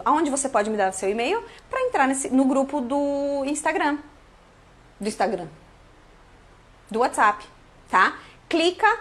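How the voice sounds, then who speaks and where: A Brazilian woman with a Brazilian Portuguese accent, an English teacher chatting through a live online lesson in a lively way and acting out little dialogues. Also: high voice.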